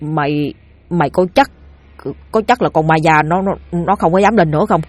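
A cowardly, bragging older village man who stammers and begs his way through every line, as a woman storyteller puts him on. The voice is low and husky. The recording is dry and close. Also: normal speed, no room sound, lightly acted. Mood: whining. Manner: stammering, pleading, boastful.

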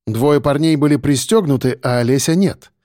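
A man's voice: mid-range voice, normal speed, darkish tone, no room sound, studio quality. A man narrating an audiobook in a dramatic storytelling manner.

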